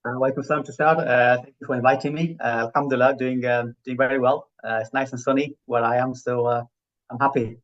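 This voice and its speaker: Low-pitched Yorkshire man, dull lo-fi audio. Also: little pitch movement, fast, a bit bright. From Yorkshire, England. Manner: reflective, often seeks agreement with "right?". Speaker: interview guest, healthcare finance professional. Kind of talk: conversational interview answers.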